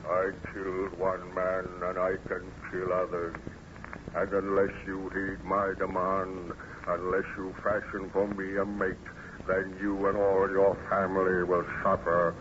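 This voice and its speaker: Frankenstein's monster, slow and menacing, old radio. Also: male voice, low voice, monotone. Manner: slow, solemn, declamatory delivery. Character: lonely, bitter, menacing male monster who learned to speak. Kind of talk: old-time radio horror acting. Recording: muffled, noisy vintage radio recording.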